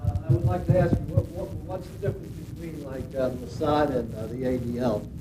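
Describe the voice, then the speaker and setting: A man's voice: fairly high pitch, fairly even intonation, a little fast, dark tone, slight background noise. An audience member, a man, hesitantly asking a question from the floor. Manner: hesitant, stumbling. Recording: roomy echo from far off in the hall.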